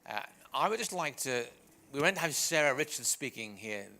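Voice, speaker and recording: A man's voice: medium pitch, sing-song, a little fast, sharp tone. A man hosting a session informally, introducing and questioning guests, rephrasing hesitantly as he goes. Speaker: session host and interviewer.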